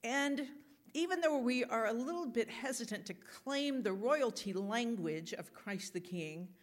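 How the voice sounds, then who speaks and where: A woman pastor reading scripture and preaching a sermon, deliberate with gentle humor. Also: fairly low pitch.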